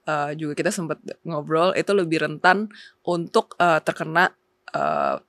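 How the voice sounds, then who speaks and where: A woman's voice: low voice, sing-song, moderate pace, a bit bright, dry recording, clean studio sound. A young woman, a company co-founder as a talk show guest, explaining with figures and many fillers, slipping in English words. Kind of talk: casual talk show interview.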